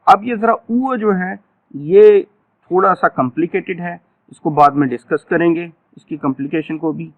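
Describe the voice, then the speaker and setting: A man teaching phonetics in a lecture, repeating each example sound slowly. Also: high-pitched. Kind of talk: classroom lecture. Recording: tinny phone-like audio.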